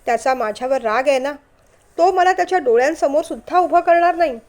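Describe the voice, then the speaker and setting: An ailing older man who talks quietly and regretfully about an old friend, as a woman narrator puts him on. The voice stays soft and mild. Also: sits high, lively intonation, a little fast. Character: older ill man, loyal and gentle, coughing.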